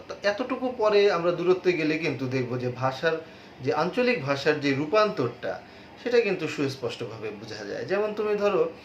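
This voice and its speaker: A middle-aged male college teacher giving a class lecture, explaining earnestly to his students with frequent filler pauses. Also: a little high, a little hiss or hum. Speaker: assistant professor of Bengali, teacher. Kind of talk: recorded online class lecture. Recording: echoey room, dull lo-fi audio.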